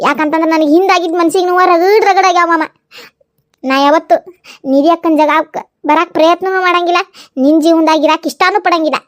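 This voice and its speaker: A woman's voice: extremely high pitch, fairly even intonation, fairly quick. A woman voicing a kind, earnest young village woman with a North Karnataka accent in a cartoon comedy, speaking in a consoling, pleading way. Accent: North Karnataka Kannada. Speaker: cartoon voice actor.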